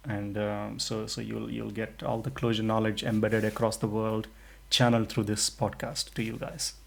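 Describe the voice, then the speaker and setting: A man's voice: fairly low pitch, monotone, moderate pace, gravelly. A man co-hosting a podcast in a casual, chatty way with frequent restarts. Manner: chatty, many restarts and fillers. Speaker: podcast co-host.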